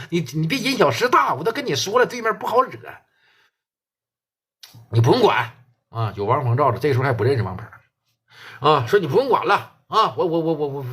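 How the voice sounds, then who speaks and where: A man's voice: fairly high pitch, a bit bright, slightly rough, heavily acted. Man doing a stammering, evasive Northeastern man. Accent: Northeastern Mandarin. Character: nervous middle-aged male gangland acquaintance, evasive.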